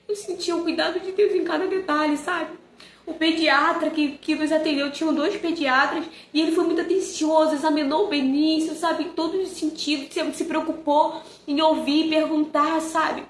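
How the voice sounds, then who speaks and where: A woman's voice: sits high, fairly even intonation, normal speed. A young woman telling a personal faith testimony in an earnest, emotional way, often asking "sabe?". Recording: echoey room with faint noise.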